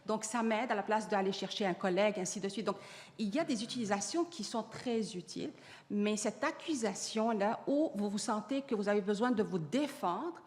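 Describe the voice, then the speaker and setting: An earnest woman panelist, an Arabic native speaker, answers the audience in a panel discussion about AI in education, with many restarts and fillers. She speaks at normal speed in a medium-pitched, darkish voice, with long hall reverb.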